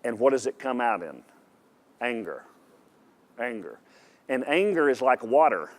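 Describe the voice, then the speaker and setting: A male pastor delivers a sermon with emphatic, direct energy, pausing to ask his audience questions. His pitch sits in the ordinary middle range for a man, and he tends to repeat words as he drives his points home. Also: sing-song.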